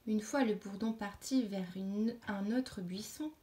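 Conteuse à la voix douce et chaude. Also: female voice, medium pitch, unhurried. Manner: gentle, dropping to a hush at bedtime moments. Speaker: storyteller. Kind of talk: reading a children's story aloud.

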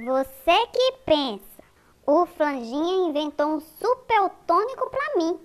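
A woman's voice: very high voice, big pitch swings, slow, noisy background, heavily acted. A woman voicing an eager, gullible little comic-strip boy who says L in place of R. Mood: smug.

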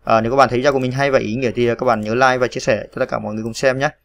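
Flat-voiced man spelling out keystrokes. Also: mid-range voice, rapid-fire. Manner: patient, spells out letters one by one with many fillers. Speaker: computer typing tutor. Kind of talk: screen-recorded tutorial narration.

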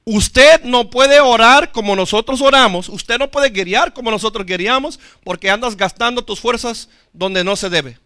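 A male pastor preaches with emphasis, swinging from loud to hushed and calling on the congregation to respond. His voice is high and bright. The sound is dry and close. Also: moderate pace, few pauses, clear, resonant tone, no room sound. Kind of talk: sermon.

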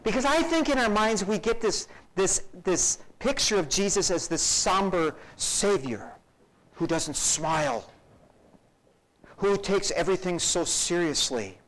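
A man's voice: high voice, unhurried, poor audio. A male pastor preaching a sermon, acting out scenes with shifting voices and dramatic drops to near-whispers. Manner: animated, acts out scenes with varied voices.

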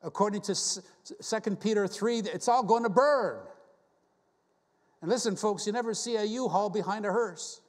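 High-voiced man preaching in a reverberant church. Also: moderate pace. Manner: earnest, rhetorical questions, quoting scripture. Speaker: guest preacher. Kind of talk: sermon. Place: church sanctuary.

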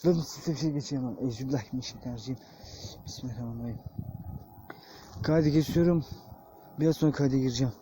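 A man's voice: medium pitch, fast, long pauses. A man filming a ghost-hunting vlog alone in an open field at night, frightened, muttering prayers and curses under his breath. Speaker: paranormal vlogger. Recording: noisy outdoor night recording.

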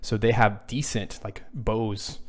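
A man in his thirties with a low, steady voice answers viewer questions slowly during a casual livestream from his small home studio, where he works as a music composer. He thinks aloud with frequent fillers and restarts, wearing headphones and using a boom studio microphone.

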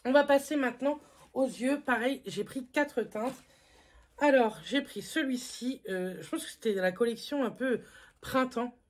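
Female beauty vlogger, relaxed and chatty, teasing herself while showing products to camera. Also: a little high, measured pace. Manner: chatty, self-mocking, lots of fillers. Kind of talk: casual makeup haul review.

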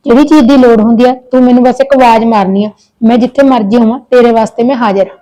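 A woman's voice: on the high side, steady tone, quick pace, dark tone, lightly acted, rough recording. A woman playing a childless elder daughter-in-law who pours out her worries in earnest, pleading runs in a village short film. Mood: worried, caring. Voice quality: earnest, pleading, talks in long complaining runs. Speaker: elder sister-in-law in a family drama. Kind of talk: village short-film acting, heartfelt chat.

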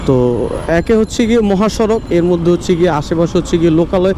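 A man's voice: sits high, racing. A man with a Bangladeshi accent giving casual motovlog commentary outdoors as he rides, often padding his explanations with filler phrases. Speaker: motorcycle vlogger. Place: outdoors, riding a motorbike on city roads. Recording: clear road and traffic noise.

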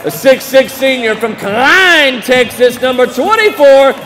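A young American man serves as PA announcer at a basketball game, speaking expressively from courtside in an indoor arena with a booming, showman style and stretched-out names. He uses a desk mic on a short stand, and the arena PA echoes amid loud crowd noise and general ambience, with faint music behind him.

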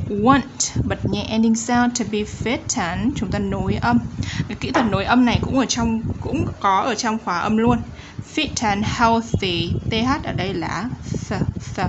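A woman teaching English pronunciation in a Vietnamese accent. She reads English phrases slowly and carefully, then explains them briskly in Vietnamese. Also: on the high side, lo-fi sound, heavy background noise. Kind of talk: pronunciation lesson.

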